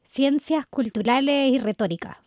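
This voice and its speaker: A young adult Chilean woman co-hosting a casual conversation, chatty and quick to laugh. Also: high voice, darkish tone, no room sound, clean studio sound. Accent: Chilean Spanish. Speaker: co-host.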